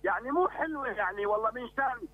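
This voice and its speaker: A man's voice: very high voice, lively intonation, rapid-fire. A man with a Syrian Arabic accent phoning a radio show with a complaint, repeating himself with many fillers. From Deir Atiyah, Syria. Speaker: radio phone-in caller. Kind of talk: colloquial complaint call. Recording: slightly dull radio phone line.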